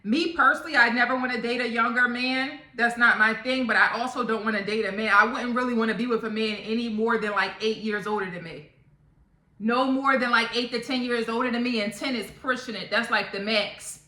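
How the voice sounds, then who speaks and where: This vlogger, a woman in her thirties, speaks a little high in a steady, brisk, bright and forceful tone. Recorded in an echoey room, she offers viewers her casual opinions bluntly and emphatically, frequently restating points for emphasis.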